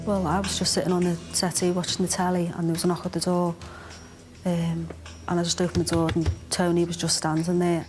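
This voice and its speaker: Flat, quiet mother. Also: on the low side. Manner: quiet, halting, disbelieving. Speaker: interviewee, mother. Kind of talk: documentary interview recollection. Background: soft music score.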